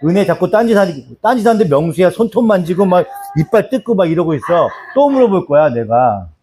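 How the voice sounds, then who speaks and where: Male pastor, small-church doctrine class, quizzes by name, animated pitch, dark mellow tone. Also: brisk, a little hiss or hum. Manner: repetitive, drills answers and calls on people by name. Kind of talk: church Bible lesson, quizzing listeners.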